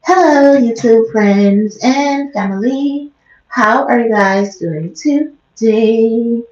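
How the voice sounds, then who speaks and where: An American woman with a slightly raspy voice talks quietly, slowly, and casually in a rambling, low-key vlog; she's a vlogger and livestreamer. She's in a small bathroom wearing a headset mic close to her mouth, and the sound is muffled and echoey.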